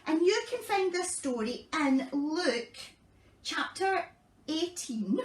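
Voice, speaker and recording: A woman, a children's pastor telling children a Bible story in a lively, animated way. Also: high voice, slow, reverberant, far from the mic, rough recording.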